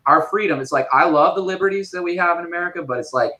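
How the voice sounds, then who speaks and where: A man talking as an interview guest on a casual panel show, animated and full of fillers, often mimicking other voices. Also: sits high, very fast, rough recording.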